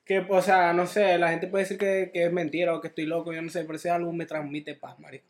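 A man's voice: on the high side, little pitch movement, quick pace, echoey room. A man in casual podcast chat, laid-back and slangy, repeating himself for emphasis.

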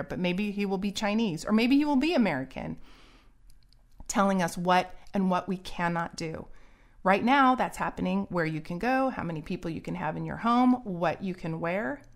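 A middle-aged woman giving earnest, preachy solo commentary in a warning tone. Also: on the low side.

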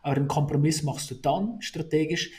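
A man speaks in a fairly high voice. He answers interview questions casually, stumbling through restarts and repeated words as he works out his point. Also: a little fast, a little mellow. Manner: talks in restarts, repeats words while thinking. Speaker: negotiation expert guest.

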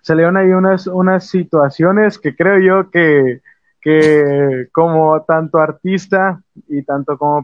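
Young man, fairly high voice, hesitant, many fillers, dry lo-fi sound. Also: no echo. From Mexico. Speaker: musician guest. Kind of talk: casual interview answers.

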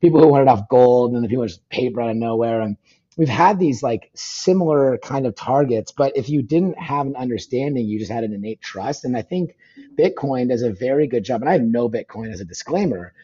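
A man talking fast as a podcast guest, rambling with lots of fillers and restarts. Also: medium pitch, warm tone, breathy edge, highs cut off. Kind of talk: casual podcast conversation. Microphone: phone call.

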